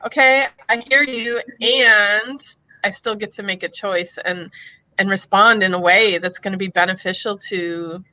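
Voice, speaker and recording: A woman's voice: medium pitch, fairly even intonation, measured pace, pushed and bright, no room sound, poor audio. A woman hosting a live podcast, enthusiastic and chatty, with lots of "like" fillers. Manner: enthusiastic, filler-heavy, says "like" often. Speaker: podcast host.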